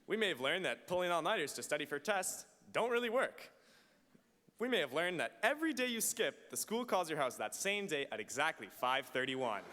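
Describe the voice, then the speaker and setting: In a big reverberant hall, a teenage male valedictorian delivers a podium speech. His voice is bright and fairly high, with deliberate emphasis. He speaks through a stand microphone to mark a graduation. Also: sing-song, a little hiss or hum. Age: late teens. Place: large auditorium stage.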